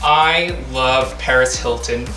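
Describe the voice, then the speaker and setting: A woman's voice: rumbling low, slow pace. A woman chatting casually about red carpet memories as a remote correspondent. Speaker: remote correspondent, digital director. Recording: echoey, distant remote link, music behind. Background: clear music.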